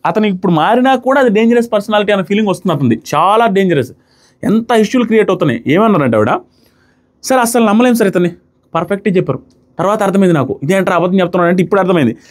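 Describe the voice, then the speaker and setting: A man giving a casual, animated review of a reality show, mixing English words into his talk. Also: high-pitched. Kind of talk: casual commentary.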